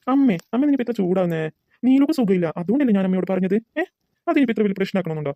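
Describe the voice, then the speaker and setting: A woman with a mid-range, expressive voice performs an earnest adult son in a cartoon, rapidly pleading and arguing with his mother as he defends his sick wife. The acting is light, and the dry recording sounds dull and lo-fi.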